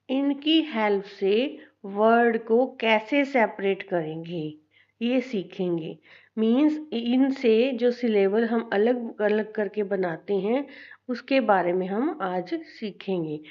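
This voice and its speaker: A woman with an Indian accent teaching an English lesson, speaking slowly and deliberately, spelling out letters and repeating things for her students. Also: fairly high pitch, dull audio. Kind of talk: classroom lesson mixing Hindi and English.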